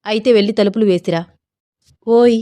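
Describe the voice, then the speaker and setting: A teasing young husband, coaxing and playful, spoken in an even mid-range voice by a woman storyteller. He nudges and jokes affectionately, in the manner of a storybook romance. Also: medium pitch, normal speed, lightly acted.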